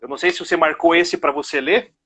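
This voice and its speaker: On a video call for a book launch, a male interviewer with a steady, high-side voice speaks fast to an author amid background noise. Friendly in manner, he frequently repeats words and starts sentences over.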